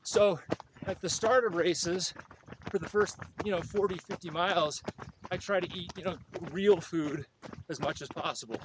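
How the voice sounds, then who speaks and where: A man's voice: sits high, normal speed. Easygoing man with background noise. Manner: easygoing, lots of ums and you-knows. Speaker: podcast guest, ultrarunner. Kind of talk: casual conversational advice.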